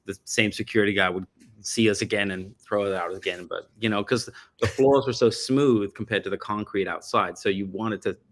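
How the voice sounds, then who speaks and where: Low bright-voiced man from Denmark. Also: steady tone, moderate pace. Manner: rambling, self-correcting storyteller. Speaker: musician guest. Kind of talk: casual interview chat.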